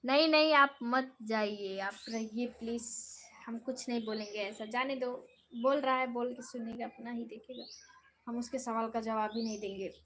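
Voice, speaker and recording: A woman's voice: fairly high pitch, fairly even intonation, moderate pace, a bit bright, slight background noise. Irritated young woman live streaming. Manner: angry, scolding a troll, then dismissive. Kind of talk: live stream chat reading comments.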